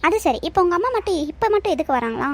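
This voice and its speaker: A woman's voice: very high-pitched, big pitch swings, very fast, full character voice. A woman voicing a bossy cartoon husband who scolds and gives orders. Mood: scolding. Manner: commanding, scolding.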